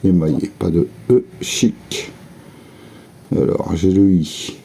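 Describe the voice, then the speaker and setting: A man's voice: low voice, slow, vocal fry, dark tone, slightly rough. A man giving casual, methodical running commentary while scratching lottery tickets, murmuring letters and words to himself.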